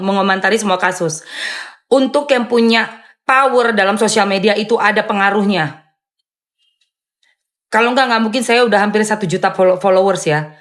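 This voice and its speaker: A woman with a medium-pitched voice hosts a live stream as a content creator, responding to viewer comments. She's loud, firm, and blunt, with sharp emphatic rises on dismissive phrases.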